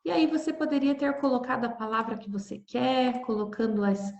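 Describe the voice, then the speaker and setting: A Brazilian woman teaching children in a recorded video lesson, gentle and patient, explaining step by step. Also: fairly high pitch, steady tone, brisk. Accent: Brazilian Portuguese. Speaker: primary school teacher. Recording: echoey room.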